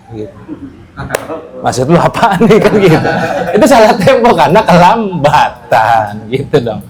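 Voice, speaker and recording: A man teaching a casual religious study lesson to a small group, explaining in a relaxed way and often checking that the class follows. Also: mid-range voice, a little hiss or hum.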